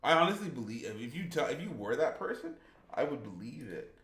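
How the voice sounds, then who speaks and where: A man hosting a live gaming stream in loose, rambling chat, stopping to read viewer comments out loud. His voice sits in a middling range and carries a noticeable roomy echo. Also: medium pitch, sing-song, fairly quick.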